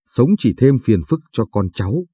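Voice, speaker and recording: A man's voice: mid-range voice, animated, normal speed, warm tone, breathy edge, dry recording, clean studio sound. A man voicing a frail, dying old grandfather who speaks wearily and teases his granddaughter fondly. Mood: weary. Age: older.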